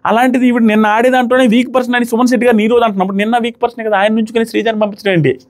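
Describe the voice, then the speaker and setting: His voice is very high-pitched and his pace is racing as he offers relaxed, animated commentary on a reality show, voicing the contestants' lines himself.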